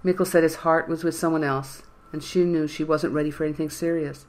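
A narrator reading a fantasy novel in an even, measured storytelling way. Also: mid-range voice. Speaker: audiobook narrator. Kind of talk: scripted narration.

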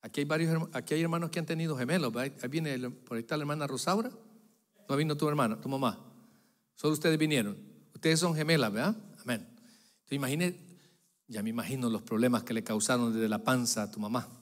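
Emphatic preaching man in a reverberant church. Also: quick pace. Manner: emphatic preaching, swelling loud on key phrases and dropping low for asides. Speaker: pastor. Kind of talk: preaching a sermon to a congregation. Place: church sanctuary. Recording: long reverb of a church hall.

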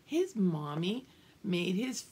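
An older woman reads a picture book to young children in a small room at home, taking her time in a sing-song way. Her voice is low, husky and darkish. She overplays the emphasis and tosses in friendly asides to the kids.

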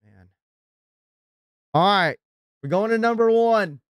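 A man's voice: sits high, expressive, takes it slowly, smooth, no room sound, studio quality. A man live-streaming, reacting in an exasperated, ranting way and thanking subscribers as he talks to his viewers.

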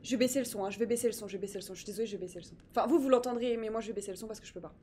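A woman streaming live, chatting excitedly with her viewers while fixing her setup. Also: medium pitch, rapid-fire, a little hiss or hum. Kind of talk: live gaming stream chat.

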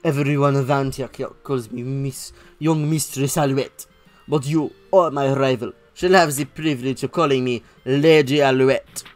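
A woman's voice: extremely low pitch, fairly even intonation, a little slow, darkish tone, faint music behind. A woman voicing a haughty rich young heiress in a game, using a put-on French accent and an imperious manner. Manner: grandiose, imperious.

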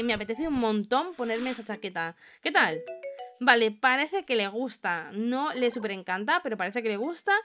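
A young woman giving animated, excited let's-play commentary, often exclaiming and laughing. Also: on the high side. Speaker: gaming YouTuber.

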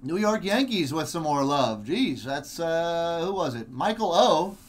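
A man's voice: fairly high pitch, big pitch swings. Chatty man reading out baseball cards. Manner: reads card names in quick lists, chatty asides. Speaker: card break host. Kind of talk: live group break commentary.

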